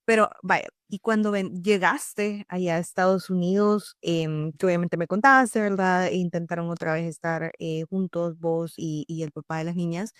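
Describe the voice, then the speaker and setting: A woman with a Salvadoran Spanish accent hosts a podcast interview. Her voice sits a little low, and she asks her questions gently, with small hesitations. The recording is dry and close. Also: steady tone, normal speed, hardly any pauses, dry recording. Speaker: podcast host.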